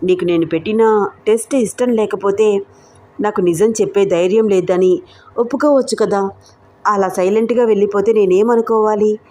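A woman's voice: mid-range voice, moderate pace, mellow, natural voice. Hot-tempered young student in love, pouty reproach, as the storyteller voices her. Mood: reproachful. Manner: sulky, reproachful.

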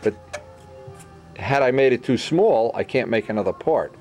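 At an indoor workbench, a middle-aged model airplane builder gives an informal hands-on tutorial, thinking aloud in short explanatory phrases. His medium-pitched, slightly mellow voice has lively intonation and a normal pace, with faint music behind.

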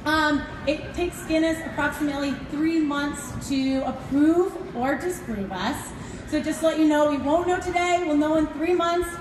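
A woman's voice: high voice, normal speed. A woman giving upbeat, encouraging, informal announcements as an event organizer to an outdoor crowd over a PA. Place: open-air fairground by a packed grandstand. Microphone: PA microphone, picked up by distant camera. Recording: echoing outdoor PA, crowd noise, distant pickup.

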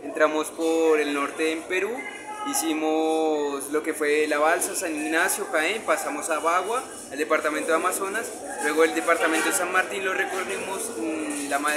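Young man over loud street noise. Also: fairly high pitch, steady tone, normal speed. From Colombia. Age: 20s. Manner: plain, listing details with fillers. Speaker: touring cyclist. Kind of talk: street interview. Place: outdoors in a town square.

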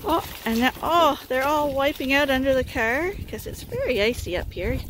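A woman's voice: sits high, lively intonation, normal speed. A woman sheep farmer from Canada talking casually to the camera and coaxing her animals as she walks around the farm. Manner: chatty, coaxing animals, often laughing. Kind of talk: casual farm vlog narration. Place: outdoors on a snowy farm and in a barn. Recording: noisy outdoor farm recording. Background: sheep bleating and farm ambience.

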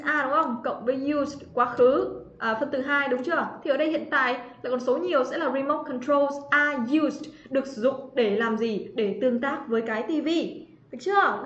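Woman teacher, high voice, playful chatty livestream lesson, roomy dull sound. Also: a bit bright. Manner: chatty, teasing, calls out students by name. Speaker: English teacher.

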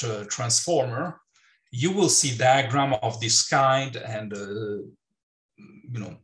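An older man giving a keynote lecture over slides on a video call, talking in halting phrases with many restarts and fillers. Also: mid-range voice, fairly bright tone. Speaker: keynote speaker. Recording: roomy, distant mic.

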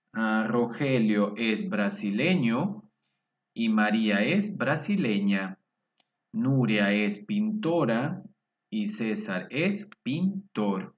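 A man teaching Spanish in an online lesson, slowly repeating each word twice, heard on muffled lo-fi audio. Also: on the low side, fairly bright tone.

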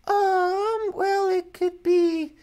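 A woman voicing a small, cute puppet sidekick in a children's show, with a high, hesitant, sweet voice. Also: fairly even intonation, extremely slow, warm tone, full character voice. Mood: timid.

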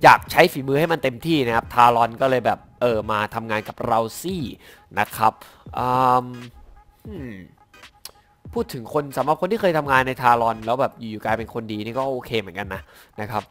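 A young man giving casual commentary on game skins, excitable, swearing now and then, stumbling a little when reading lore. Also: medium pitch, moderate pace. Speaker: gaming YouTuber reviewing skins.

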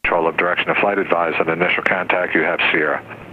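A man's recorded airport weather broadcast heard over an aircraft radio, reading numbers and notices in a quick, even way. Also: sits low. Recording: muffled aircraft radio with faint hiss.

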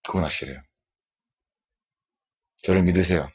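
A man's voice: deep voice, moderate pace, a little mellow, breathy edge, lo-fi sound. A man, sweating after a swim, teaches arm strokes on a live stream and keeps repeating "like this" as he demonstrates. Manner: repetitive, demonstrative, keeps saying "like this". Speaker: swimming instructor streamer. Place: indoor room, live stream.

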